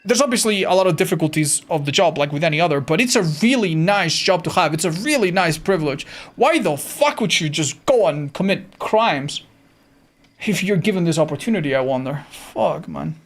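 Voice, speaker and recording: A man streaming a video game, chatting casually with his viewers in a slightly raspy, tired voice, animated and swearing freely. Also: fairly high pitch, a little fast. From Andorra. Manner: animated, swearing, answers chat while playing. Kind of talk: casual live-stream chat.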